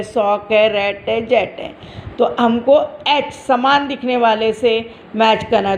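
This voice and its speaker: A woman teacher explaining a textbook lesson step by step, spelling out words letter by letter and asking questions that she answers herself. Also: fairly high pitch. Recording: dull lo-fi recording with faint background noise.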